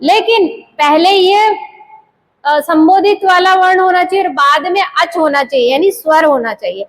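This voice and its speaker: A woman lecturing on Sanskrit grammar in a very high voice. She talks slowly and deliberately, putting questions to the class and answering them herself while repeating the key terms. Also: low-quality recording. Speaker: Sanskrit teacher.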